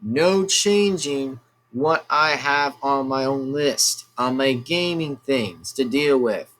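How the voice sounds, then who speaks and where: A man's voice: mid-range voice, slow pace, a bit bright. A man hosting his gaming channel in casual vlog talk, rambling and repeating himself with many fillers, firm and insistent. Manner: rambling and repetitive, full of fillers. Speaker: YouTube gaming channel host.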